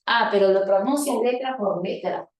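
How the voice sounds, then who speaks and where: A woman's voice: medium pitch, normal speed. A woman teaching a grammar lesson, explaining step by step and quizzing her students with questions. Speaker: language teacher. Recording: echoey room, voice from a distance.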